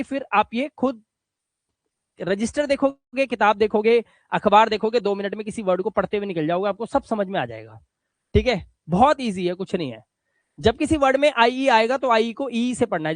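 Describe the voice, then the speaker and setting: A man teaching English reading rules in a patient classroom style, sounding out example words slowly and repeating them. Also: sits high, lively intonation, dry recording.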